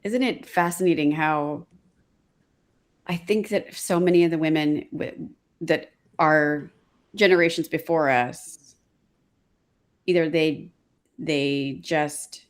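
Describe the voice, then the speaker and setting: A middle-aged woman hosting a casual conversation, chatty and laughing easily, sometimes trailing off mid-sentence. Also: sits low. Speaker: host.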